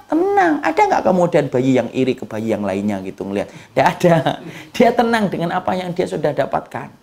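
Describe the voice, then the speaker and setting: Gravelly-voiced preacher with speech. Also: male voice, darkish tone. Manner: asks the audience questions and answers them himself; folksy and joking, wide swings in pitch. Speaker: Islamic preacher. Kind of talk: sermon lecture.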